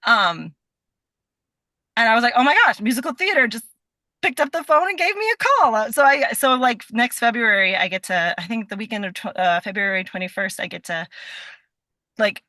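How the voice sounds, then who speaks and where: As a podcast guest, this Nevada-born stage and voice actor, a young American woman, chats in a bright, forward voice of ordinary pitch with lively intonation at a moderate pace. She's effusive and rambling, scattering "like" throughout. The sound is close and dry, with no room sound.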